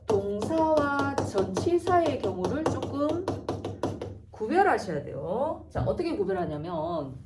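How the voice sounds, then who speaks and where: Lively-voiced woman teaching English grammar. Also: fairly high pitch, distant mic, background noise. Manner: explains patiently, quizzes herself aloud. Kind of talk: grammar lecture.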